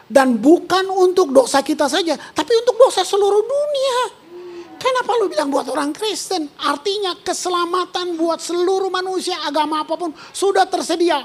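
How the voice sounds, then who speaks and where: A woman pastor, preaching a sermon in an animated, slangy way with English words mixed in. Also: very high voice.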